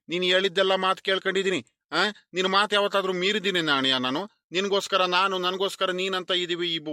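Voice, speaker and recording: A man's voice: high-pitched, bright, forceful tone, no room sound, clean studio sound. A man voicing a pleading, coaxing younger brother. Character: pleading younger brother, a well-meaning village landlord. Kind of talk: animated cartoon voice acting.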